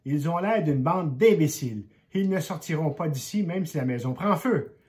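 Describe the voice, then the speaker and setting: A man's voice: lively intonation, moderate pace, close to an everyday voice. An older man voicing a stubborn, cheeky little farm girl in a storybook reading, in a raised girlish voice. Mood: scornful. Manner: high, shouty girlish voice.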